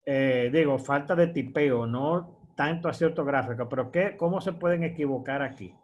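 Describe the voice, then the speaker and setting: A man's voice: on the high side, normal speed, lo-fi sound. A man, teaching an online course as a screen-share tutorial, explaining step by step with fillers and frequent "verdad?" checks.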